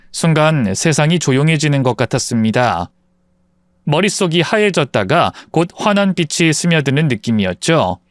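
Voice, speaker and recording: A man reading a first-person family drama story in an expressive, dramatic narration. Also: on the high side, no echo, clean studio sound.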